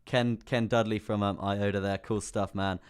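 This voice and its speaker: A young English man with a hoarse, partly lost voice, hosting a casual crypto live stream, chatting about charts and greeting viewers by name. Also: fairly low pitch, fairly even intonation, moderate pace. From England. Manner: chatty, reads out viewer names and laughs often.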